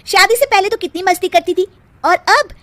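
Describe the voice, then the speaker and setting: A woman voicing a mischievous, excitable young prankster sister in a cartoon moral story. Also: very high voice, a little fast, no echo, pitched above the performer's own voice. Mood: teasing. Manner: excitable, squealing, teasing.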